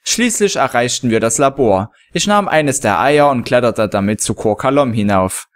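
A man reading a first-person adventure story aloud, with a mid-pitched voice. He narrates at an even, steady pace. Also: normal speed. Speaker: reader of a fan story.

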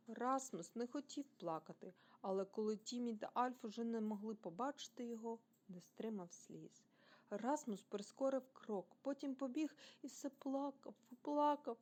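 Speaking to young listeners directly, a woman from Ukraine gives a lively, expressive reading of a children's bedtime story in a fairly high voice.

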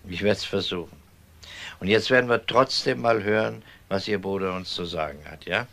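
In a German crime radio drama, a man plays a calm, unhurried police detective, dry, politely ironic and firm. His voice sits low and sounds gravelly.

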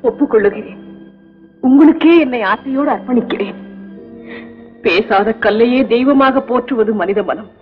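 An actress playing an earnest young princess who speaks in formal, measured, poetic phrasing. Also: female voice, on the high side, close to an everyday voice. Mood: devoted, pleading. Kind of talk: 1960s film acting. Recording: muffled old film soundtrack with music.

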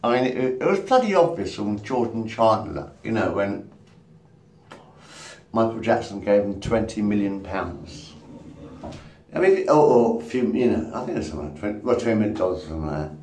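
A man in his fifties vlogs in a casual, rambling monologue, swearing and laughing at his own jokes while holding a phone at arm's length in a small room. His voice sits on the low side with a darkish tone, and he speaks in an animated, brisk way. The mic is distant, picking up roomy echo and faint background noise.

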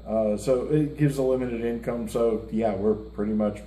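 A middle-aged man co-hosts a music reaction show, seated at a table before a lit curtain indoors and chatting casually with blunt, self-mocking humor. His medium-pitched voice is dark and steady at a moderate pace, in a roomy space with faint hiss.

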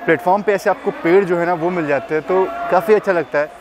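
A young man with a high-pitched voice talks quickly as he narrates a casual train travel vlog, holding the camera at arm's length. He's chatty, upbeat and heavy on fillers, moving between outdoor railway platforms and the inside of a train, where loud outdoor and train noise fills the recording.

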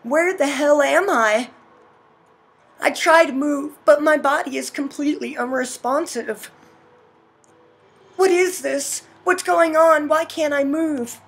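A man voicing a frightened young woman in a game, in a put-on high female voice, breathless and pleading. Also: a little slow, vocal fry, a bit bright, full character voice. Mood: panicked. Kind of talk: game dialogue read aloud.

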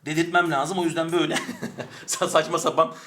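Male grammar teacher, high and bright, animated, drills students with question-and-answer, a little off-mic. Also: brisk, slight background noise. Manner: animated, stretches words for emphasis, asks and answers his own questions. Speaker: Turkish language teacher. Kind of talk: online grammar lesson. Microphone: camera mic, speaks from a distance to avoid distortion.

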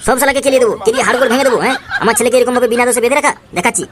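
A man's voice: extremely high pitch, racing, a little hiss or hum, pitched above the performer's own voice. A man voicing a boastful but sheepish grown son in a cartoon, evasive in his answers. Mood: boasting. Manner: blustering, evasive.

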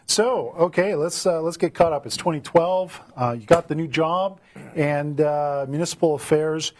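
A man's voice: on the high side, moderate pace, darkish tone, a little hiss or hum. A man hosting a casual studio interview, chatty and rambling with lots of fillers, with a Canadian accent. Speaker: host.

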